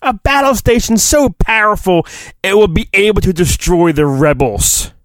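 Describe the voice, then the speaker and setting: A podcast host with a high-pitched voice, speaking at normal speed on a dry recording, hams up a comedic dramatic storybook reading. He keeps breaking off for joking, profane asides.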